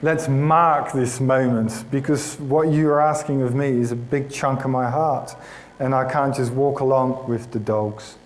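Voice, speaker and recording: A man's voice: medium pitch, fairly even intonation, unhurried, low-quality recording. Chatty male pastor telling a story. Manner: chatty, self-mocking storyteller who addresses the congregation by name. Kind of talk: sermon with personal story. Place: church hall.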